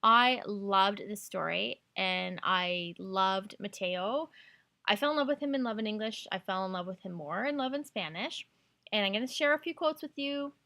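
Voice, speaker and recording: Lively intonation runs through this Canadian podcast host's medium-pitched, sharp-toned voice, which moves at a moderate pace. She enthusiastically recommends books in casual talk, reading blurbs and quotes aloud.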